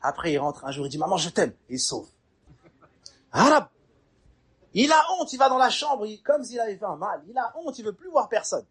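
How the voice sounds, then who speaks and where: A middle-aged man preaching a lively sermon, acting out little scenes and asking the crowd questions. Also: high voice, normal speed, long pauses, slightly rough.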